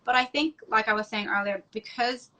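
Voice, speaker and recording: A woman from Egypt hosting a casual podcast conversation, animated and chatty with frequent ums. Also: a little high, moderate pace. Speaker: host.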